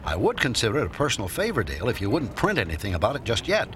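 A calm, level-headed man. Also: medium pitch, very fast, slight background noise. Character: calm, patient, sensible man. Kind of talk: radio drama acting.

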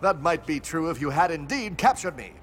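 A self-assured male superhero, played by a man, who speaks in formal, grandiloquent phrases. His voice sits a bit high and moves lively up and down. A faint noise hums underneath. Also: fairly quick, natural voice. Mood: bold. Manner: grandiloquent, formal heroic speech. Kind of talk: comedic audio drama acting.

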